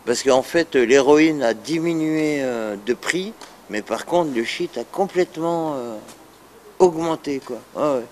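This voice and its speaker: A man's voice: on the high side, measured pace, slight background noise. A middle-aged man speaking frankly and casually in an interview, with many hesitations. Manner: relaxed, frank, many fillers.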